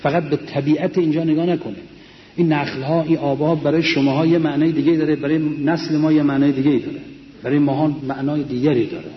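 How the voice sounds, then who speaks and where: A man's voice: a little high, steady tone. An older man, a war veteran, earnestly telling memories of his comrades to a mosque audience. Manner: earnest storytelling, quoting comrades. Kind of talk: memoir talk to a mosque audience. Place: large mosque hall. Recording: echoey, dull lo-fi hall recording.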